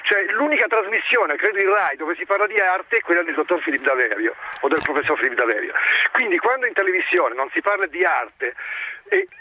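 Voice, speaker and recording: A man from the province of Milan calling in to a radio show over the phone, polite and halting, often repeating words. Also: high-pitched, expressive, slight background noise. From Milan province, northern Italy. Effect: heard over the phone. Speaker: radio call-in caller. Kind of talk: casual call-in talk. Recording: dull phone line.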